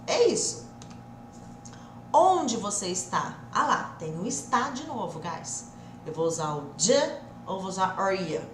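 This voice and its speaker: A woman English teacher with an interior São Paulo Brazilian Portuguese accent, giving an energetic live online lesson and drilling phrases slowly and repeatedly. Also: medium pitch, roomy sound, a little hiss or hum. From interior of São Paulo state, Brazil.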